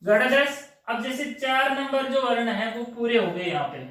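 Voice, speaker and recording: A man teaches grammar in a slow, drilling manner, lifting his voice high as he asks questions and answers them himself. He is heard from off the mic in a very echoey room. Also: animated, fairly bright tone, far from the mic. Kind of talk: classroom grammar lesson.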